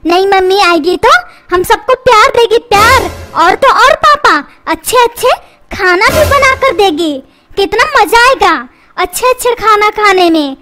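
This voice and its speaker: एक महिला कार्टून में बदतमीज़, मुँहफट स्कूली लड़के की आवाज़ दे रही है, जो पलटकर जवाब देता है।. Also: female voice, extremely high pitch, lively intonation, a little slow, noisy background. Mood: cheeky. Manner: sassy, talks back, threatens. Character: cheeky rude cartoon schoolboy son. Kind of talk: comedy cartoon dubbing.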